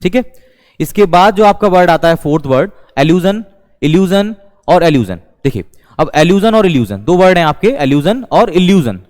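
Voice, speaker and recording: A man's voice: high-pitched, very animated, moderate pace, darkish tone, big-room sound. A man with an Indian accent teaching English vocabulary in a lecture, repeating terms as he explains. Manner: repeats words, mixes Hindi and English.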